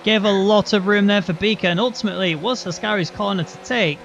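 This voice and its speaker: High-pitched male motorsport commentator, muffled sound. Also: quick pace, creaky, fairly bright tone. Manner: running play-by-play with explanatory asides. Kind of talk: live motorsport commentary of an online race. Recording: muffled, noisy, engine sounds behind.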